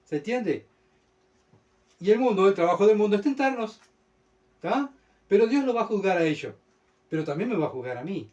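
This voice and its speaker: Emphatic Uruguayan pastor preaching. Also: male voice, expressive, normal speed, long pauses, darkish tone. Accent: Uruguayan Spanish. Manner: emphatic, keeps asking the congregation "¿Se entiende?"; mocks complainers in a whiny high voice. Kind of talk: sermon.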